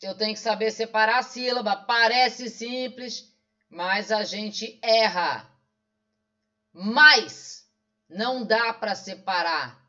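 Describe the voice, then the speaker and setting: Speaking slowly in a high, bright, forceful voice, this Brazilian-accented man works through exam questions as an online teacher. He takes a didactic approach, raising questions and supplying the answers himself. The sound quality is dull and lo-fi.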